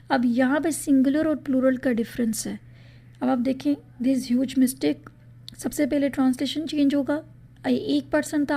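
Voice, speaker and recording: High, mellow-voiced woman teaching recitation. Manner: explains patiently, reciting example words slowly and drawn out; mixes English words into her talk. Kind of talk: spoken tajweed lesson in a podcast.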